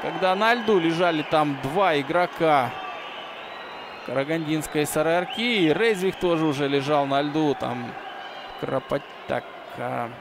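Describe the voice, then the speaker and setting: Male hockey commentator, excited goal-call manner, high pitch, live play-by-play, very noisy rink recording. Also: vocal fry. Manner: excited, shouted goal calls. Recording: very noisy arena, loud background ambience.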